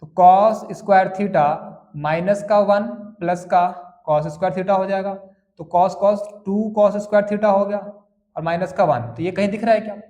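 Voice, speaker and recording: High-voiced maths tutor. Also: male voice, steady tone, a little slow, mellow. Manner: asks and answers his own questions, calling students bhaiya and beta. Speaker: maths teacher. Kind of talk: board-exam tutoring lesson.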